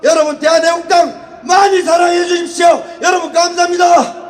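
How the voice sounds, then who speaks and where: A man giving a roaring rallying political speech, shouting out emphatic, deliberate phrases to the public. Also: extremely high pitch, fairly even intonation, a crowd in the background, background noise. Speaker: political rally speaker, party leader.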